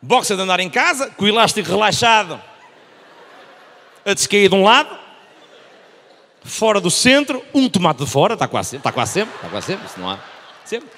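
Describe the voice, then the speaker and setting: A man in his thirties performs stand-up with a European Portuguese accent. His voice is high and very animated, repeating phrases for effect, with the long reverb of a big theatre. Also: moderate pace, pauses often, slight background noise. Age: 30s. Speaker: stand-up comedian. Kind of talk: stand-up comedy routine. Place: large theatre stage. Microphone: handheld microphone.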